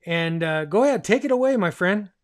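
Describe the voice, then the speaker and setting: Broadcasting a casual livestream from a small indoor home radio room, this man in his fifties talks with enthusiasm and repeats phrases to drive points home. He has a high, expressive voice and moves fairly quickly.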